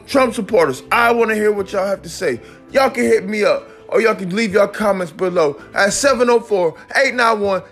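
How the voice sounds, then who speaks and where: A man hosting a mock talk-radio show, ranting excitably and repeating himself with lots of "like.". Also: high voice. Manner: excitable, repetitive, peppered with "like". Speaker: host of a homemade radio-style show.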